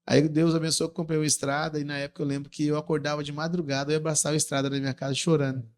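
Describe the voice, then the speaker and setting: Fast-talking Brazilian man telling stories. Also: fairly high pitch. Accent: Brazilian Portuguese. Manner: lively, earnest storyteller. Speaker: podcast guest, entrepreneur and rancher. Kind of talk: casual podcast chat.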